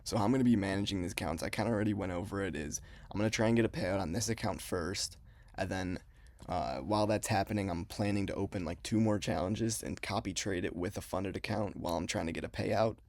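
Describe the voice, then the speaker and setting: Young male vlogger, low creaky voice, casual explainer delivery, mouth numb from dental work, close dry sound. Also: quick pace, a little mellow, no room sound. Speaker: trading vlogger. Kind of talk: casual explanatory vlog talk.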